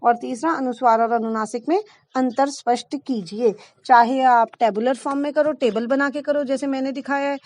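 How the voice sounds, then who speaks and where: A woman teacher with a high, clear voice walks through grammar patiently, giving example after example and pausing to check understanding. The sound is dry and close, with no room around her. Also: fairly even intonation, darkish tone, no echo. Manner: patient, explains step by step with examples and checks "ठीक". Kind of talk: Hindi grammar lesson.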